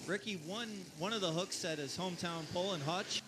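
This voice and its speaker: A man's voice: sits high, fairly quick. A man working as a tractor pull announcer, giving live commentary with driver background and stats. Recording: clear engine and vehicle noise behind. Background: vehicle noise at a tractor pull.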